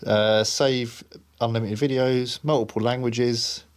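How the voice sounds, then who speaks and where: A paranormal investigator with a medium-pitched, steady, unhurried voice chats casually as he tries out phone apps. Background noise is clearly audible in the recording.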